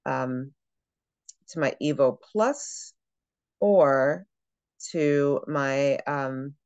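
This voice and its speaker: A woman who trains travel agents, giving a chatty screen-share walkthrough of software and thinking aloud as she clicks through it. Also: extremely low pitch, extremely slow, clean tone, no room sound.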